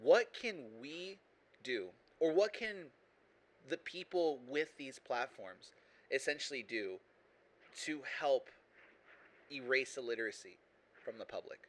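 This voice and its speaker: A man's voice: medium pitch, animated, measured pace, pauses often, poor audio. A man hosting a casual podcast chat, talking emphatically and pressing his points. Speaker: podcast host.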